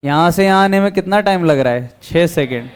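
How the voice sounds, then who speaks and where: High-voiced physics teacher quizzing. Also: male voice, a little fast, clean tone. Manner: quizzing students, answering his own questions. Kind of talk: classroom lecture.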